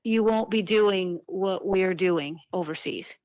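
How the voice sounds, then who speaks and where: A middle-aged woman speaking earnestly and haltingly as an interview guest over an old flip phone call, often repeating words as she reflects. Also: mid-range voice, darkish tone, dry recording. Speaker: interview guest, activist and author.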